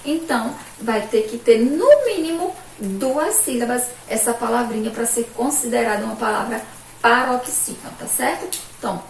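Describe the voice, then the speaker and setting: Brazilian portuguese woman, teacher, lively sing-song questions, slightly high voice, roomy classroom echo, faint ambience. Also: gravelly, distant mic, slight background noise. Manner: cheerful, sing-song questions to pupils, slow stressed syllables. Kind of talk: remote video lesson for children. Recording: echoey room, voice from off-mic.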